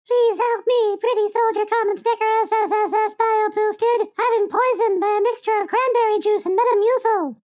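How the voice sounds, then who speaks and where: A man voicing a helpless, whiny, pleading young damsel in a squeaky falsetto. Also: steady tone, moderate pace, few pauses, darkish tone.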